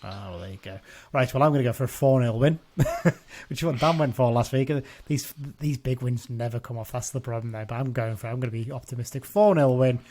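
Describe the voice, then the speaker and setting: A man's voice: mid-range voice, fairly quick, hardly any pauses, a little mellow. Chatty man hosting a football podcast. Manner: chatty, with frequent restarts and self-corrections. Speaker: podcast host. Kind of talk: casual football chat.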